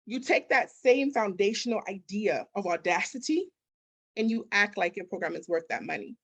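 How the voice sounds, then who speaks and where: Medium-pitched and animated, she talks at a moderate pace. She's an interview guest, a business architect and mindset coach, answering in a motivational, conversational way with emphasis, repetition, and rhetorical questions.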